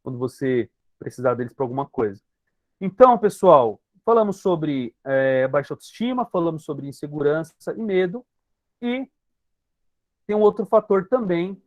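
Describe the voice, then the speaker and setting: A man's voice: sits high, a little mellow, no room sound. A man with a Brazilian Portuguese accent, a hypnotherapist giving an emphatic teaching talk to an online group, speaking straight to his listeners and repeating his key points.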